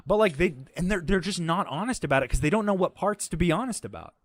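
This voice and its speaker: A high-pitched man talks fast on a dry recording. He's the guest in a casual back-and-forth, spinning candid, expletive-filled stories in a blunt and energetic manner.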